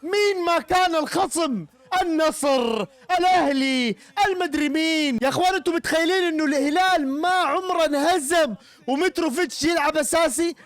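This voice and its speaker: A young Saudi man with a Gulf Arabic accent, reacting loudly to a football match as a streamer, shouting and teasing rival fans. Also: very high voice, fairly quick. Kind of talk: excited live match reaction.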